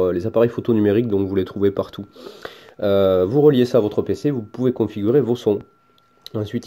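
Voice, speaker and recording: A French hobbyist with a Toulouse accent shows off his lightsaber in a casual show-and-tell. His low voice is warm, and his talk halts along, hesitant, with many fillers and restarts.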